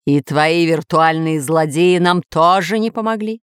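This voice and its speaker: In a children's audiobook, a woman voices a pompous, furious male villain lord, growling and snapping. Her deep, clean-toned voice is a little slow, recorded with clean studio sound and no room sound.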